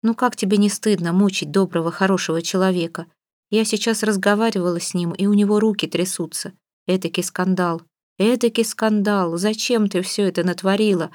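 A woman's voice: mid-range voice, steady tone, brisk, darkish tone, no echo, studio quality, close to an everyday voice. A woman reading an audiobook, voicing a stern, fussy middle-aged mother who scolds and gives orders. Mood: exasperated. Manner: scolding, bossy. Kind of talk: audiobook character voice.

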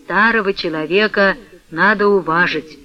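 A reproachful townsman , as a male reader puts him on, chiding in a high, bright voice over a dull radio recording. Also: normal speed. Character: reproachful man urging respect for elders.

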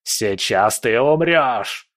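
A man's voice: lowish voice, steady tone, slow, bright, forceful tone, dry recording, clean studio sound, heavily acted. A man voicing an old male villain, a shadow sorcerer who snarls and hisses his lines. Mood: menacing. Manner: hissing, snarling.

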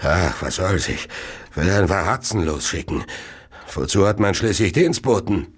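A man playing a gloating, well-to-do Victorian serial killer in a radio play, speaking in a slow, savouring, theatrical way with a gravelly, husky voice. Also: low voice, expressive, full character voice. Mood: irritated, imperious. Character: gloating, arsenic-addicted Victorian serial killer, wealthy gentleman. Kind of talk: German radio play monologue and narration.

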